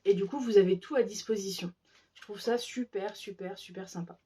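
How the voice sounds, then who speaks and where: A woman's voice: mid-range voice, fairly quick, dark tone, slight background noise. A woman chatting casually and enthusiastically as a craft vlogger, showing her handmade pouches, with lots of fillers. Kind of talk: casual show-and-tell.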